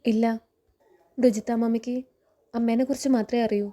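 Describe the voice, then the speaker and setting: A woman voicing an earnest, gentle young woman who pleads softly, quoted in a story recap. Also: on the high side, fairly even intonation, moderate pace, close to an everyday voice. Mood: earnest, pleading.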